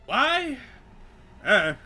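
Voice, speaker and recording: A man's voice: extremely high pitch, big pitch swings, extremely slow, pushed and bright. A man casually commenting while playing a video game, chatty and rambling, with lots of fillers and restarts. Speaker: streamer.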